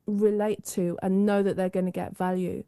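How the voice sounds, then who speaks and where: A woman's voice: mid-range voice, level tone, moderate pace, dark tone, clean tone, no echo, clean studio sound. A woman hosting a podcast interview, thinking aloud with loose, searching phrasing. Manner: musing, many fillers and restarts. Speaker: podcast host.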